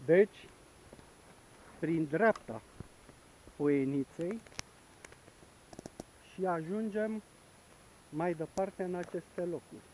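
Male hiker-guide with a high, soft-toned voice, talking through the trail outdoors. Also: pauses often, slight background noise, rough recording. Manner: explanatory, pointing things out along the way. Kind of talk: casual hiking vlog narration. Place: outdoors on a forest trail by a stream.

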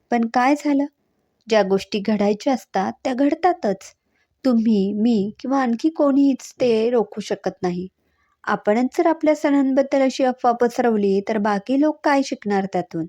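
A woman's voice: fairly high pitch, normal speed, no echo, natural voice. A woman voicing a firm, earnest young mother. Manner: firm, reasoning, gently reproachful. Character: earnest young mother lecturing her mother-in-law. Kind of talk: storybook reading.

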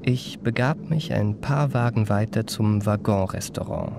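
Here the same suave young con man from the radio play recounts his memoirs in refined literary prose, with a polished, courteous, composed air. The actor's voice is lowish and gravelly, and he keeps a measured pace. There's a noisy background.

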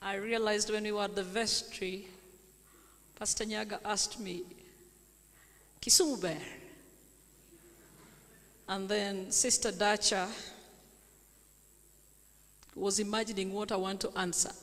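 A Kenyan woman preaches a sermon at an unhurried, measured pace, her voice bright and fairly high. She tells stories and puts questions to the congregation. The sound carries a long echo from a big church hall. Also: level tone. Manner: deliberate storytelling preaching, asks the congregation questions. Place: large church sanctuary.

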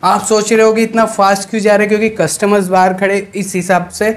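Young guy, pretty high voice, chatty shop salesman pitch to camera, throws in english words. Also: level tone, fast talker. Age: young adult. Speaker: second-hand phone seller presenting shop stock. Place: small mobile phone shop, indoors. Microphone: lapel mic.

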